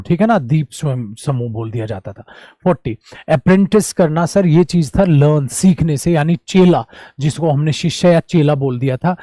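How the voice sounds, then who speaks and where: A man teaching a quick vocabulary revision lesson, calling his students "my child" and "my brother". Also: a little high, mellow, no echo, clean studio sound.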